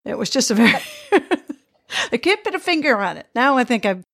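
A middle-aged woman hosts a podcast in a casual interview chat, reflective and easygoing, laughing readily. Her voice is on the high side and a bit bright, sing-song with vocal fry, at a moderate pace.

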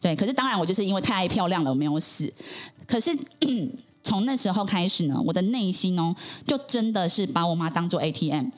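Fast-talking woman. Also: fairly low pitch, animated. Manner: earnest, rapid, with frequent affirming interjections. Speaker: podcast guest. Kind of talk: personal storytelling in conversation.

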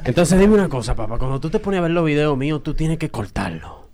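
A man's voice: on the high side, lively intonation, fast talker, a little mellow. A man hosting a comedic radio call-in show, crude and joking, laughing often.

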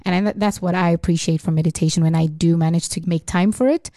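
Woman podcast host, mellow voice, dry close sound, chatty and laughy. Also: fairly low pitch, quick pace, no room sound. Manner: chatty, animated, laughs often. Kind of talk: casual chat.

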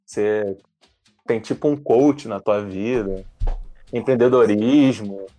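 A man's voice: fairly low pitch, slow pace, mellow. A man co-hosting a casual podcast, laid-back, explaining things at length. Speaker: podcast co-host.

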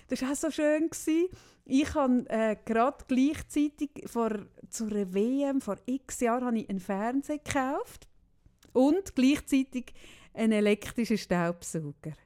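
A woman with a Swiss German accent chatting casually, telling everyday anecdotes with lively acted-out dialogue. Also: high voice, measured pace. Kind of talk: casual chat.

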